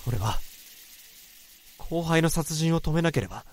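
In a radio drama, an actor narrates and plays the protagonist, a tormented male office worker who hears others' thoughts. His voice is a little high, animated and a little slow, moving through brooding inner monologue and guarded dialogue that swings into frantic outbursts.

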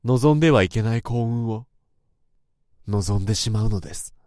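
In this dry, studio-quality recording, a man with a lowish, darkish voice speaks at a normal pace with light acting. He voices the narrator and lead: an introspective, troubled young office worker recounting his story in first person, anxious and brooding.

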